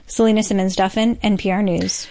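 A woman's voice: medium pitch, fairly even intonation, fairly quick, warm tone. An American woman delivering a scripted radio report as a health news correspondent.

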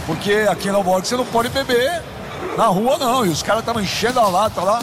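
A man with a Brazilian accent hosting a live sports broadcast from a stadium booth, joking and bursting into shouts. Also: high voice, noisy background. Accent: Brazilian Portuguese. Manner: excitable, joking, rapid swings to shouting.

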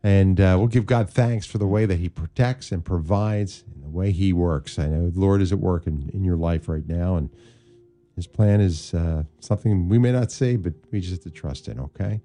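A man with a smooth radio host delivery, hosting a call-in prayer show and leading callers through a call-and-response prayer. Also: low voice, moderate pace, mellow.

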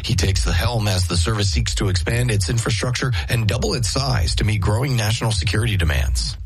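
Low, husky American male newscaster. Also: animated, brisk, no room sound, soft background music. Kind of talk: scripted news reading.

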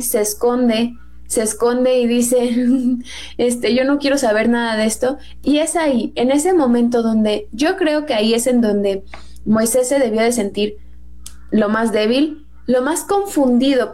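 A Mexican woman with a Mexican Spanish accent retells a Bible story in a casual, chatty way, lifting her voice to act out the quotes. Her voice is fairly high with a dark tone.

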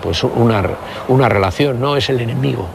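With a gravelly, medium-pitched voice, a Spanish politician in his sixties from the Basque Country talks fairly quickly as a guest in a conversational interview. He's reflective, frequently hesitating and starting over, and background noise is audible.

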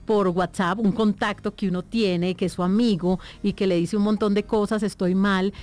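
A woman with a mid-pitched voice co-hosts an interview. She builds up to her question in a chatty way, with everyday examples along the way. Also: steady tone, normal speed, darkish tone. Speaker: interviewer, co-host.

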